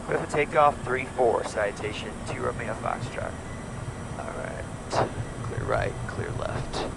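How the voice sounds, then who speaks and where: Man, pilot, cockpit headset mic, brisk procedural callouts, mid-pitched voice, loud engine noise. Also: wildly swooping pitch, gravelly. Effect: pilot talking over a cockpit headset mic. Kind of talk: cockpit checklist callouts and radio calls. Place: small jet cockpit in flight. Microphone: aviation headset.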